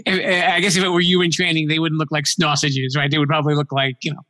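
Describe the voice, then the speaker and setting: Bright-voiced man hosting an interview. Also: a little high, flat delivery, dry recording. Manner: halting, repeating words as he forms questions. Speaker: interview host. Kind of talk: casual interview questions.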